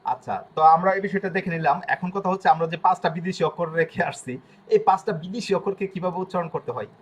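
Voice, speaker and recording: A man runs an online language lesson, his voice sitting a little high. He explains patiently and says each letter sound over and over. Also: racing. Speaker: language teacher.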